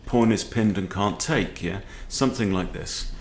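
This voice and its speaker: A man in his forties hosts a chess video, offering casual, conversational commentary sprinkled with brief questions to the viewer. His lowish voice is unhurried, there is slight background noise, and he's indoors in a book-lined home room.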